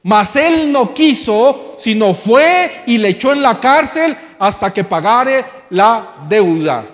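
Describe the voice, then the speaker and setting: A man preaching a sermon, slow and emphatic, asking the congregation rhetorical questions. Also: very high voice, expressive. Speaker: pastor. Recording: long church hall reverb.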